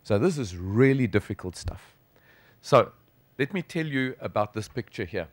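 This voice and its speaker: Standing at a lectern on a conference hall stage, a middle-aged South African man who works as a sports physician gives a lecture in a conversational, emphatic way. His voice is medium in pitch, captured without echo through the lectern microphone, and he is animated with gestures and uses emphatic pauses.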